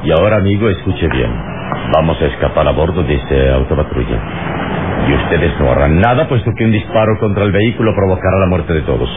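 An actor playing a bold, mocking heroic adventurer in a radio serial, with a commanding, measured, theatrical delivery. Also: male voice, deep voice, expressive. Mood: mocking, threatening. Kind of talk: old radio serial acting. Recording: noisy, tinny old radio serial recording.

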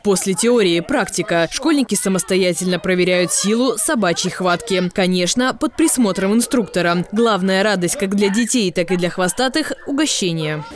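A woman's voice: medium pitch, a crowd in the background. Female news reporter voice-over. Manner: measured, clear reporter narration.

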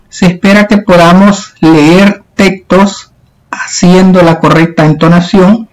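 In a roughly recorded lesson, a male teacher with a high-pitched voice patiently explains a worksheet to schoolchildren, speaking to them in a clear, explanatory manner.

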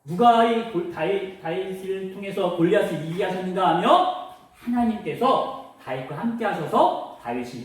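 A man, a children's pastor, telling a Bible story to children with animated questions and sound effects. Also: high-pitched, recorded from a distance. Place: church room. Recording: very echoey room, voice from afar.

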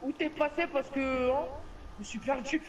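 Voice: high voice, normal speed, muffled recording. A young gamer bantering and teasing in French suburban street slang over a poor game-chat microphone. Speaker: video game player. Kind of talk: casual gaming banter. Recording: noisy poor voice-chat microphone, voices behind.

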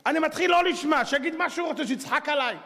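A man, a rabbi, giving a lively sermon with anecdotes, acting out voices in quotes and firing rhetorical questions. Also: very high-pitched. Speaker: rabbi giving a Torah lecture. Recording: long hall reverb.

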